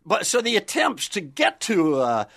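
A man's voice: high-pitched, huge pitch swings, measured pace, creaky, fairly bright tone. A man hosting a sports podcast, chatting casually in a joking, rambling way.

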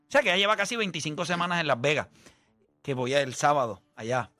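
A man's voice: fairly high pitch, animated, fast, sharp tone, faint music behind. A man, joking and teasing as a podcast co-host in casual banter. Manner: joking, laughs often, talks over others.

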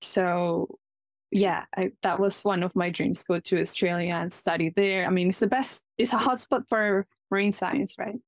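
Guest, young Ecuadorian woman, Spanish-accented English, mid pitch, earnest, dry mic. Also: fairly even intonation, moderate pace, dry recording. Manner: earnest, eager, with frequent restarts. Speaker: marine biologist guest. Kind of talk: casual interview.

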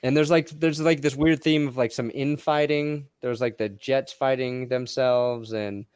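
A man co-hosting a casual post-game sports stream, talking in a relaxed, rambling way with many fillers. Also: mid-range voice, unhurried, smooth, dry recording, studio quality. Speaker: podcast co-host.

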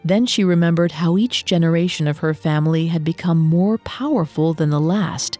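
A woman narrates a myth in a mellow, fairly low voice. Her storytelling is measured and scripted, with faint music underneath.

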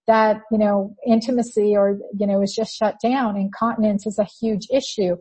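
Woman, Spanish accent, podcast host, husky tone, detailed clinical talk. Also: medium pitch, steady tone, moderate pace, warm tone. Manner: detailed, fluent talk with occasional restarts. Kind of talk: conversational interview.

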